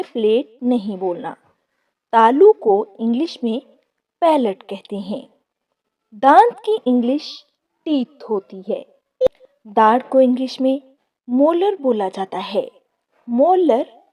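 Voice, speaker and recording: A woman's voice: a little high, expressive, slow, pauses often, mellow, distant mic. A woman with an Urdu accent teaching body-part words, repeating each one with careful pronunciation. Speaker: vocabulary teacher. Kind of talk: slow vocabulary lesson.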